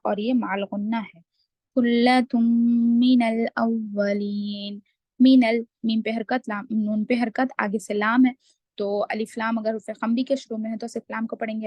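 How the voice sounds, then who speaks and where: Slightly high-pitched woman teaching a recitation class, patiently spelling out each rule. She draws out the recited words slowly and deliberately. The sound is dry and close, with no room around her. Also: darkish tone, no echo. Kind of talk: online tajweed class.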